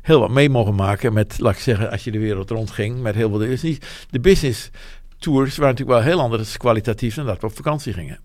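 A man's voice: mid-range voice, fast, hardly any pauses, darkish tone, dry recording. A man, talking frankly and at length about his business life, rambling and self-deprecating. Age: 70s. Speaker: interviewee, business owner. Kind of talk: reflective interview talk.

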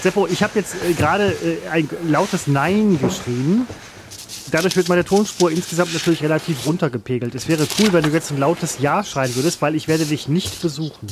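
A man's voice: fairly high pitch, normal speed, background noise. A man co-hosting a podcast, bantering casually and protesting in jest. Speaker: podcast co-host. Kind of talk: casual banter over a remote call.

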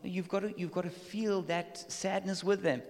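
A man with a fairly high voice preaching a sermon in short phrases that leave room for an interpreter. He acts out the replies he quotes with animated voices. The hall rings with a long, lingering echo. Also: normal speed.

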